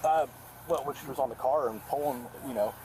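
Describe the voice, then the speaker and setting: Hesitant man, halting statement, mid-pitched voice, outdoor body cam, clear background noise. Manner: hesitant, explaining with fillers. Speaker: man reporting to police. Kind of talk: statement to police. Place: outdoors at a house. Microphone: police body camera. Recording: noisy body cam audio.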